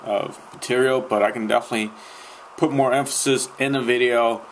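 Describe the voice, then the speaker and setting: A young adult sneaker vlogger talks casually to a close-range webcam in a small room at night, rambling with lots of fillers and restarts. His medium-pitched voice is steady and fairly quick, captured in a low-quality recording with slight background noise.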